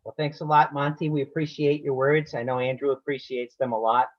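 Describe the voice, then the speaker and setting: A man's voice: medium pitch, little pitch movement, fairly quick, no echo. A man chairing a meeting on a group video call, courteously thanking one speaker and handing over to the next. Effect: voice heard over a group video call. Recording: dull, dry video-call audio.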